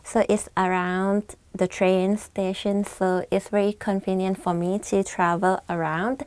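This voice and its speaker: A Thai woman in her twenties teaches a casual language lesson in a Thai accent, chatting away with plenty of "like" and "I mean." Her mid-range voice is creaky with a darkish tone, and there's no echo.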